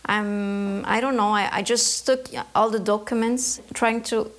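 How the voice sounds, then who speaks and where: An embroiderer from Canada, she gives considered answers in an interview, regularly halting to find her words. The pitch is medium and the tone steady.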